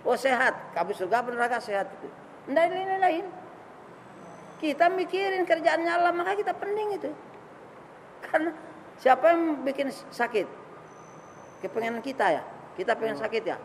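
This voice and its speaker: Gravelly man giving a chatty sermon. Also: extremely high pitch, animated, normal speed, long pauses. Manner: chatty, teasing, laughs often, sings verse endings. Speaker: ustaz leading a Quran study. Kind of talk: informal sermon with Quran recitation. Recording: echoey hall, noisy.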